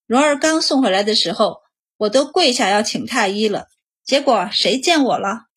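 A woman voicing a grieving, furious middle-aged noble mother who scolds loudly in a storybook reading. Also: on the high side, expressive, moderate pace, husky. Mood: angry wailing. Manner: loud scolding, wailing.

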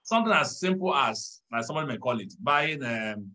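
A man, a pastor, teaching in a church talk show, measured and stressing key words. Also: mid-range voice, expressive, sharp tone, low-quality recording.

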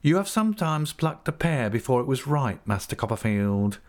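A sly, oily young clerk, as a man reads him, croaking and wheedling in a hushed whisper. The voice rides higher than the reader's own and bends unctuously around each humble phrase. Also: sing-song, normal speed, close to an everyday voice.

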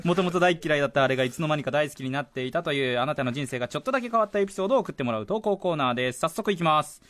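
A man hosting a radio show and reading out listener mail in an animated way. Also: a little high, rapid-fire. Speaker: radio host.

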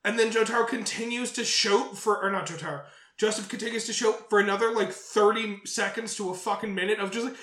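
A man's voice: high voice, steady tone, brisk, sharp tone, echoey room. A young man on a podcast recapping an anime with blunt, profane, exaggerated retellings. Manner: swears freely, exaggerated retellings. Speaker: podcast co-host. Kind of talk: casual chat recapping an anime.

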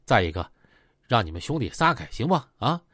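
A man voicing a calm, persuasive young gang leader. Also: on the low side, a little fast, no room sound, studio quality, pitched below the performer's own voice. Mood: placating. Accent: Northeastern Mandarin. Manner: soothing, persuasive.

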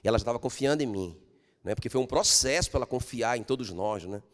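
Older pastor, booming then hushed. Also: male voice, expressive, fast talker, big-room sound. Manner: swings between loud exclamations and soft low asides. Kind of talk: sermon. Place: church.

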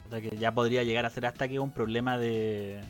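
A man's voice: medium pitch, fairly even intonation, quick pace, faint music behind. A man with a Chilean accent, a podcast co-host, chatting casually in a joking, teasing way. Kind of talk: casual chat.

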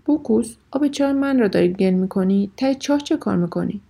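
A woman voicing a gruff man hunter who calls down a well with blunt, demanding questions. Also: medium pitch, lively intonation, warm tone. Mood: stern.

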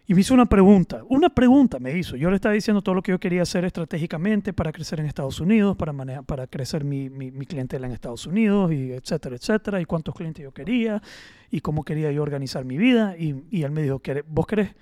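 Teasing podcast host. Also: male voice, on the high side, animated, fast, mellow, no room sound, studio quality. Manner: teasing, joking, mixes in English phrases. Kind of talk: casual podcast chat.

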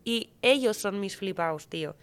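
A woman guest in a casual podcast conversation, talking in an animated, heartfelt and slangy way. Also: medium pitch, unhurried. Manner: animated, emotional, slangy, often says "tío".

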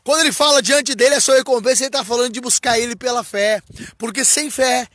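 A man preaching a fervent sermon, drawing out and shouting scripture lines and breaking into tongues. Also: very high voice, quick pace, dry recording. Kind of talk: fervent Pentecostal-style sermon.

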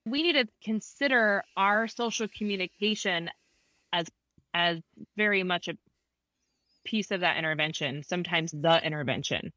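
A woman therapist telling a story in a casual conversation, animated, laughing often and acting out quotes. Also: medium pitch, unhurried, long pauses, no echo.

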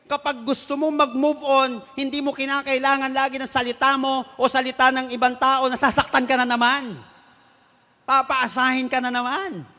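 A man preaching a sermon as pastor, mixing Tagalog and English and building to loud emphatic points. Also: very high voice, level tone, moderate pace. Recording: long hall reverb.

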